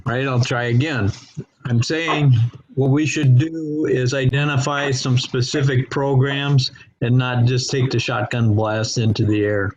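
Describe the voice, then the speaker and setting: A man speaking on a remote call as a board member at a public meeting. His call audio keeps breaking up, and he talks haltingly, starting over in the middle of sentences. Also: mid-range voice, steady tone. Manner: halting, restarting mid-sentence. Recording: muffled remote call line with faint noise.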